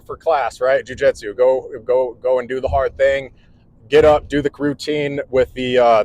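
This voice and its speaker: With a medium-pitched, slightly mellow voice, the forties-aged electrical contractor chats casually to the camera at home, earnest and rambling with many restarts. There's no echo, though the audio is poor.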